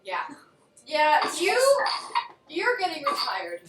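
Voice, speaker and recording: A woman running a tabletop game as game master, with lively, stammering narration and frequent restarts. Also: sits high, takes it slowly, heavy background noise. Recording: echoey room, distant from the mic.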